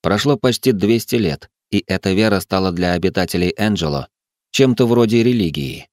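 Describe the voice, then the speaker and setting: A man narrating a first-person audiobook in an even, steady way. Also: sits low, normal speed, no room sound, studio quality.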